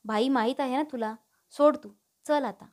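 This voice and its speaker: A woman's voice: high-pitched, moderate pace, darkish tone, lightly acted. Eager young bride, as a woman narrator reads her.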